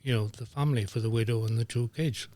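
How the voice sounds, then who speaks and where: An older man, a former referee telling lively anecdotes as a guest, dropping into voices for the people he quotes. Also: mid-range voice, fast, slight background noise. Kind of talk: anecdotal storytelling.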